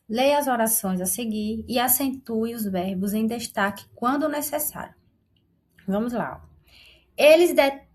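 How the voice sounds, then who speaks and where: A woman teaching an online grammar lesson, explaining patiently and often checking in with her viewers. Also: on the high side.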